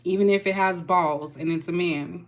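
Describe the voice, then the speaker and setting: A young woman with a Texas accent gives a casual, chatty tarot reading, speaking loosely to her viewers in a folksy way with plenty of "y'all." Her voice is fairly low and moves at a normal speed.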